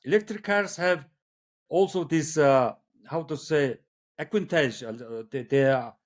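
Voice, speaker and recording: A man with a Mongolian accent, a native Mongolian speaker, talking casually and giving opinions in halting English, often repeating words for emphasis. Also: fairly high pitch. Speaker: interview guest.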